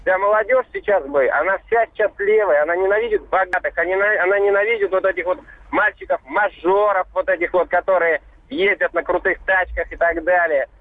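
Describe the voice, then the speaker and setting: A man's voice: high-pitched, steady tone, a little fast, no room sound. A middle-aged man calling in to a radio show over the phone, talking in a rambling way with lots of fillers. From Russia. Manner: rambling, conversational, with many fillers. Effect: phone line. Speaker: caller. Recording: tinny phone line.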